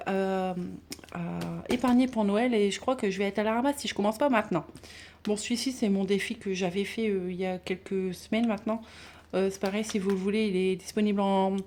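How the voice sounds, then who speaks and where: Chatty woman vlogger, casual and unscripted, stumbling through fillers, mid-pitched. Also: a little mellow. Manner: chatty, hesitant with many fillers and restarts. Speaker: budgeting vlogger. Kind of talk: casual chat showing binders.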